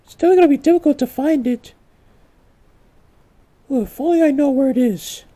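A woman's voice: high voice, normal speed, warm tone, natural voice. A woman voicing an earnest, flustered male cartoon video game hero in an amateur comedic role-play, hesitant and exclaiming. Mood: puzzled.

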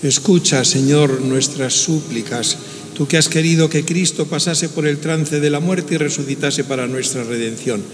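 A man with an accent from Spain leads a funeral Mass as priest, preaching and praying in solemn, measured short phrases in a cathedral echo. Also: on the high side, background noise. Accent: Spanish from Spain. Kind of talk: solemn homily and liturgical prayer. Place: large church, indoors. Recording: cathedral echo, long reverberant church hall.

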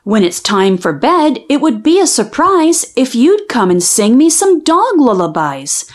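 A woman reads a children's picture book at a measured pace, her high-pitched voice rising and falling in a sing-song way. She gives the rhyming lines extra length and expression.

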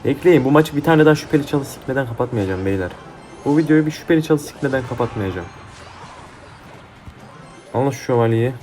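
Young male gamer, mid-pitched, profane heated trash talk over gameplay, faint game music. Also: expressive, fairly quick, pauses often, darkish tone. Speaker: gaming YouTuber. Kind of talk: live mobile game commentary.

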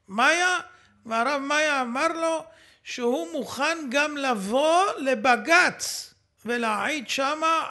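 A man lecturing as a rabbi, indignantly commenting on a recording he stops and replays, at times shouting. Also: extremely high pitch. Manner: fiery, indignant, rising to shouts.

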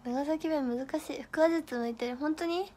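The host is a young woman from Miyagi in Japan's northeast, an idol casually livestreaming as she reads comments, laughs and trips over tongue twisters. Her high-pitched voice is mellow and moderately paced, with slight background noise behind it.

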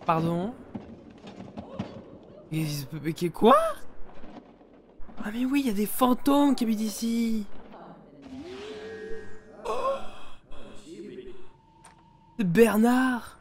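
A man's voice: very high voice, very animated, extremely slow, pauses often. A young man giving casual, jokey commentary while playing a life-simulation game, often addressing viewers directly as his friends. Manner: jokey, talks to viewers as "les amis". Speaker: gaming YouTuber. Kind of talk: casual let's-play commentary.

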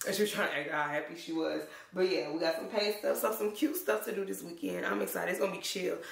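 Hoarse young woman with a low, creaky voice. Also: fast. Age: young adult. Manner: informal, slangy. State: hoarse, losing her voice; worn out. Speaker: vlogger. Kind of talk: casual vlog chat to camera. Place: bare indoor room. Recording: echoey room, clear background noise.

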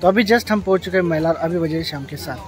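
A man with a notably high-pitched voice talks casually through a travel vlog, explaining each stop along the way. He is from Latur in Maharashtra, India. Music plays steadily under his voice. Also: fast, poor audio. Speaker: travel vlogger. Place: on the road and outdoors in a village.

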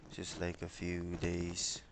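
A young man from Micronesia answering interview questions over a headset on a video call, hesitant and pausing with many fillers. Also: sits low, completely flat delivery, noisy background. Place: small room with bookshelves, indoors.

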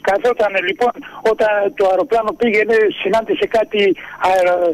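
An older man from Cyprus, calling in by phone and slowly telling jokes with many pauses and fillers. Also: high voice, fairly even intonation, a little hiss or hum. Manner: slow, halting storytelling with many fillers. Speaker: caller. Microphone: telephone. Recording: phone line.

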